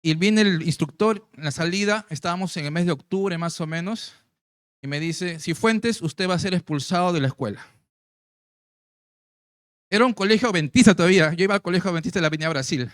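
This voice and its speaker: A man's voice: high-pitched, brisk, no echo, clean studio sound. A man preaching to his congregation, telling his own story and acting out the voices of the people in it. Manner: storytelling, acts out quoted voices. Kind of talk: sermon testimony.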